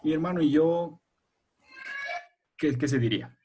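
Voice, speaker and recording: A man with a husky, slightly breathy voice teaches a primary school class over a video call. He explains patiently, one step at a time, and keeps checking with his pupils through questions. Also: a little high, unhurried, mellow.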